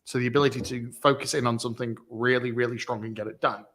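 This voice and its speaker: A British man co-hosting a relaxed tech podcast. He banters with dry, self-mocking humor and talks casually. His voice sits at a plain middle pitch. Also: fast. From Britain. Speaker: podcast co-host. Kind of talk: casual chat.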